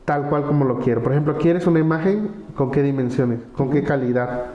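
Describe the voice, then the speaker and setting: A man presenting a conversational webinar, explaining step by step and running through lists of examples, often ending with a quick tag question. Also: on the high side, dark tone, roomy sound, highs cut off.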